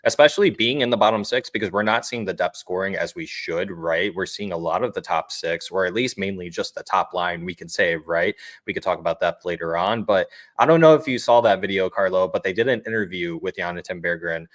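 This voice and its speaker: A man hosting a casual sports podcast from home, easygoing and steady, putting questions to his co-host. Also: deep voice, fairly quick, few pauses, no echo. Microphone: home desk microphone.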